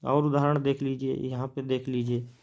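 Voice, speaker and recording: A man's voice: mid-range voice, level tone, normal speed, creaky, a little mellow, dull audio, slight background noise. A man teaching a grammar lesson, writing examples on a board, repeating words as he writes and answering his own questions.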